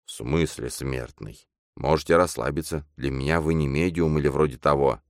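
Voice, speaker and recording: Male narrator plays an anxious rescuer: low-key, polite, deep, dry sound. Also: fairly even intonation, normal speed, dry recording. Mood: flustered. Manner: plain, flustered, polite. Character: anxious ordinary young man rescuer.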